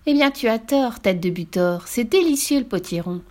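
Reading a children's storybook aloud, a woman plays a vain old witch in a rage, gloating in a shrill, theatrical, drawn-out way. She sounds expressive and a little mellow, acting only lightly.

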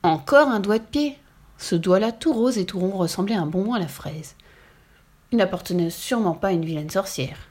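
A woman reading a children's storybook aloud in a lively, expressive way. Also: mid-range voice, fairly quick, slightly rough.

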